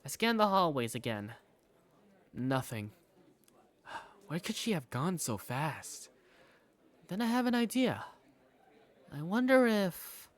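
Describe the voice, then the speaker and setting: A man with a fairly bright tone voices a curious, self-doubting high school student, narrating in the first person for a visual novel fandub.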